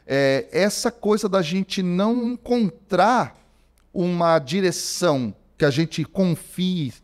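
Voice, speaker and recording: Guesting on a podcast, this Brazilian theology professor in his 40s speaks slowly in a high-pitched voice with a Brazilian Portuguese accent. He recounts his story in an easygoing, animated manner, dropping many fillers such as "cara." The setting is a podcast studio, the talk a conversational interview, recorded with a studio microphone.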